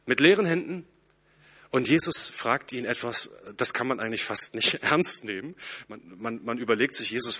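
A man preaching a sermon, earnest and lively, moving between emphatic points and quiet, hushed passages. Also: mid-range voice, breathy edge.

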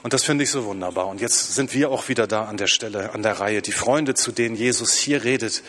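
Guy giving a sermon, kinda husky, leans hard on quotes and slows way down. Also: lowish voice, a bit bright. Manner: emphatic, slows down to stress quoted lines. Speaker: preacher.

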